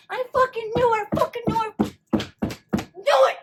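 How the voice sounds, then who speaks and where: Very high-pitched woman reacting to a movie. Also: fairly even intonation, takes it slowly, noisy background. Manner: emotional, loud and profane outbursts. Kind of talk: first-watch movie reaction commentary. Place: at home.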